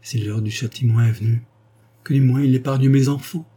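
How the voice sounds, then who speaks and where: Storybook duchess, anxious noble lady, pleading and distraught, read by a man with a dark, husky voice. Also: medium pitch, fairly even intonation, normal speed, lightly acted. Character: anxious noble duchess, woman, middle-aged.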